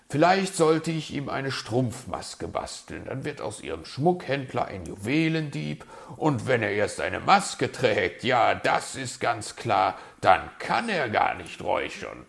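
Male reader as a gravelly, grumbling old-school fox, sardonic and bossy, in a storybook recording. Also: on the low side, a bit bright, exaggerated voice. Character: grumpy, know-it-all male fox.

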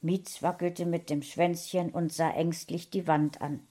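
A woman narrating a storybook with an expressive, unhurried reading. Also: lowish voice.

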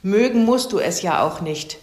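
Kind mother hedgehog, brisk and snuffly, echo around, woman reader. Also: mid-range voice, animated, darkish tone, close to an everyday voice. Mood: friendly. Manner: friendly and brisk, snuffling "nuff nuff". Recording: roomy echo.

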